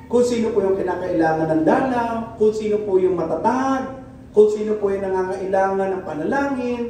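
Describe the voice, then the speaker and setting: A man's voice: sits high, warm tone, slight background noise. A male pastor with a Filipino accent preaching a conversational sermon in church, often asking the congregation questions and mixing in English. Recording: echoey church hall, mic from a distance.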